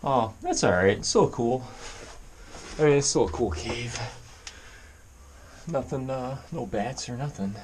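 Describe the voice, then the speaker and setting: Exploring a limestone cave, this vlogger chats loosely to the camera he holds, musing aloud along the way. He speaks at a medium pitch, animated yet unhurried and a little mellow, leaving long pauses, with slight noise in the background.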